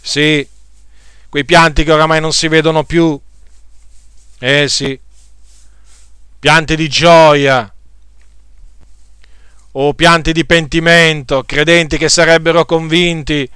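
Bright, crisp-voiced Italian-speaking preacher rebuking. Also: male voice, on the high side, level tone, takes it slowly, long pauses, dry recording, studio quality. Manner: rebuking, emphatic, repeats phrases for stress. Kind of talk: sermon.

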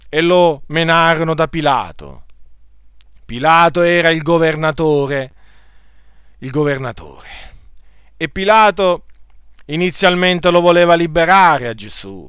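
A man's voice: fairly high pitch, a bit bright, clean tone, no echo, clean studio sound. A man preaching a sermon, earnestly retelling a scripture story and repeating phrases for emphasis.

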